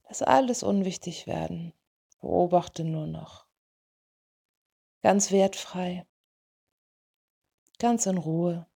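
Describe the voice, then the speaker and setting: A woman leading a guided meditation in a soothing, gentle way, in short unhurried phrases. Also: lowish voice, vocal fry, slightly rough. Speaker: meditation guide for dog owners.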